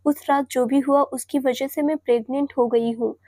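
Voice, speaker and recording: A woman's voice: high voice, steady tone, normal speed, mellow. A woman voicing a scheming young woman who pleads tearfully and feigns innocence in an audio story. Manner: whiny, tearful and sugary.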